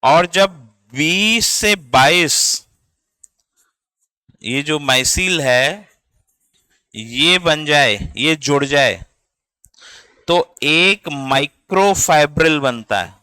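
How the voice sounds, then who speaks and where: A man's voice: fairly high pitch, expressive, very slow, pauses often, bright, forceful tone, clean tone, dry recording. A man, teaching biology in a classroom lecture, explaining step by step and checking in with his students. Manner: spells out words letter by letter.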